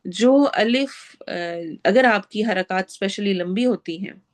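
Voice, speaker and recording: Slow, patient woman teaching Quran recitation. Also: mid-range voice. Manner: slow, patient, recites a phrase then explains it. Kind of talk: tajweed lesson.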